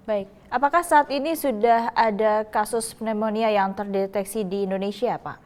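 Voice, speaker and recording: A woman news anchor politely putting prepared questions to a guest and adding soft hums of agreement. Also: medium pitch, moderate pace. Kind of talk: scripted interview questions.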